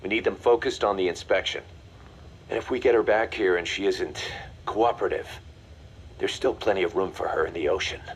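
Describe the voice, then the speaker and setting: Video game military deputy, lowish pitch, hard-nosed, commanding and matter-of-fact, faint background noise. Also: male voice, a little fast. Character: brisk, hard-nosed male mercenary second-in-command. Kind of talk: video game voice acting, mission briefing dialogue.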